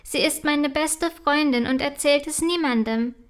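A woman voicing a curious, kind little princess girl in a storybook, speaking gently and slowly. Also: high-pitched. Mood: gentle.

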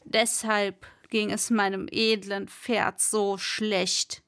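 A woman voicing a harsh, domineering male castle lord in a read-aloud story, speaking slowly. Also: medium pitch, flat delivery, fairly bright tone. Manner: domineering, scolding.

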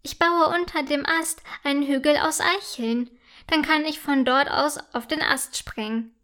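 A woman voicing a tiny, cheerful young female forest elf who talks eagerly and brightly. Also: high-pitched, steady tone, measured pace.

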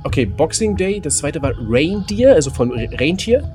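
A man's voice: fairly high pitch, sing-song, moderate pace, darkish tone, faint music behind. A man co-hosting a casual podcast, thinking aloud as a quiz contestant, rambling with lots of fillers and laughter.

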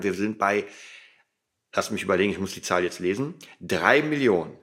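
A man's voice: sits low, a bit bright. A man hosting a casual, rambling solo podcast, informal and emphatic, his articulation slightly impeded by a dental retainer. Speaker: podcast host.

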